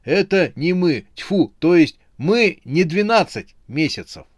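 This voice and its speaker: A man's voice: fairly high pitch, lively intonation, slow, no echo, studio quality, pitched above the performer's own voice. A man voicing a frightened bearded man who squeals in panic in a storybook.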